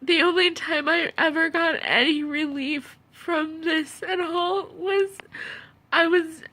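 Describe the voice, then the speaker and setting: A tearful, upset woman who sounds as if she has been crying, giving a halting personal monologue in which she repeats her phrases. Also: extremely high pitch, fairly even intonation, sharp tone. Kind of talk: personal video monologue about own experiences.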